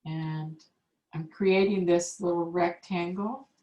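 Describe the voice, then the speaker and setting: A woman's voice: on the low side, steady tone, mellow. A woman teaching an online calligraphy class, patiently explaining each step as she demonstrates. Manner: slow, patient step-by-step instruction. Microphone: video call. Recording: echoey room on a video call.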